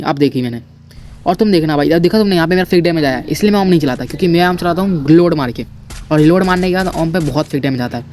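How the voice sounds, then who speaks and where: A man's voice: a little high, darkish tone, a little hiss or hum. A man giving casual, chatty voice-over commentary on his own shooter match, playful and self-mocking, talking straight to his viewers. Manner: chatty, keeps addressing viewers as brother. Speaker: gameplay commentator.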